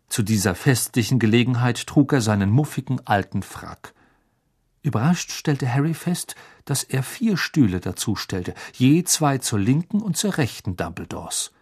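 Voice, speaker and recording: A man narrating a storybook in a husky, breathy voice. His pitch moves in lively arcs, and his delivery stays expressive throughout. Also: normal speed. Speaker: audiobook narrator. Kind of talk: storybook reading.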